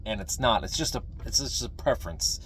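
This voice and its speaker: A middle-aged man talking casually and ramblingly to viewers, folksy and opinionated, halting and repeating phrases for emphasis. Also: on the low side, fairly bright tone, slightly rough. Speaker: video creator, veteran pipe smoker. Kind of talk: casual rambling talk to camera.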